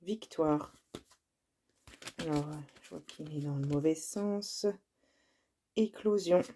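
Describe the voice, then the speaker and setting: Soft, slow-talking hoarse woman. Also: on the low side, a little hiss or hum. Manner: slow and soft-spoken, reads card titles aloud. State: slightly hoarse. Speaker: card reader presenting oracle decks. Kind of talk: casual show-and-tell with card readings.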